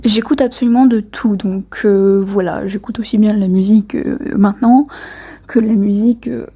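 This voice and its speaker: Breathy, hesitant young woman rambling outdoors. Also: mid-range voice, warm tone. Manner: rambling and hesitant, many fillers and restarts. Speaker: vlogger. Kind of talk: casual chat answering viewer questions. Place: outdoors by a wood near a road.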